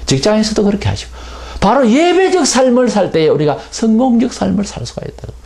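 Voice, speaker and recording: A man's voice: fairly high pitch, gravelly, darkish tone. A male pastor preaching a Sunday sermon, emphatic, swinging between raised and dropped voice.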